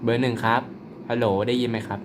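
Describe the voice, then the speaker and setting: Racing through his words in a mid-range voice with fairly even intonation, a mobile game player and channel host from Thailand comments casually on his game. He's jokey and playful, offering mock-polite apologies and exclaiming and laughing often, with background noise present.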